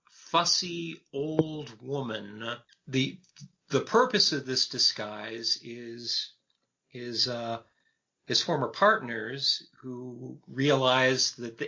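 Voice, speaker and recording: A man in his fifties co-hosting a film podcast, talking in a measured, thoughtful way with frequent pauses. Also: mid-range voice, sharp tone. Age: 50s. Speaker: podcast host. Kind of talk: casual film discussion. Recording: dull lo-fi podcast audio.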